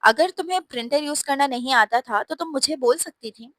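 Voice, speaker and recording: A playful young husband from a storybook who keeps teasing his wife, read by a woman. The voice sits a little high and sounds dry and close, with a light, joking manner. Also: a little fast, a bit bright, dry recording.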